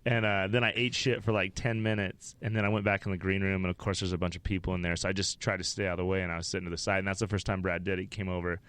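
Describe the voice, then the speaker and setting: A man's voice: low-pitched, little pitch movement, racing, hardly any pauses, a bit bright, clear, resonant tone. A man from Wyoming, a stand-up comedian, telling rambling, profane stories as a podcast guest. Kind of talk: casual interview storytelling.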